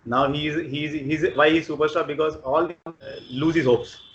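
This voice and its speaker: A man in his late forties from Konkan with a Marathi Indian accent, answering casual interview questions haltingly and often repeating words. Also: a little high, fairly even intonation, fairly bright tone, a little hiss or hum. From Konkan, Maharashtra, India. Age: late 40s. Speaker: interviewee, IT professional. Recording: dull, echoey room recording.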